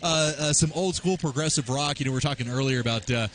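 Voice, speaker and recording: A man giving chatty, energetic live roller derby commentary, with many fillers and restarts. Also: mid-range voice, quick pace, slight background noise. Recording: live arena crowd behind. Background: arena crowd.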